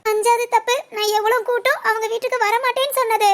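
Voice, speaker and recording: A woman's voice: extremely high pitch, steady tone, fast talker, fairly bright tone, slight background noise. A woman voicing an anxious young wife and teacher who frets to herself and pleads with her policeman husband in an audio drama. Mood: pleading. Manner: fretful self-talk, coaxing and pleading.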